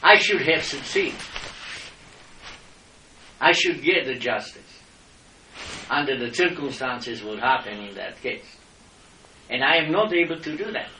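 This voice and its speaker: Heard from a distant mic in an echoey room with slight background noise, a middle-aged man from the Czech Republic presses his case against officials in a heated argument. His voice is on the high side, bright and forceful, and his impassioned, lecturing speech carries a Czech accent and non-native grammar.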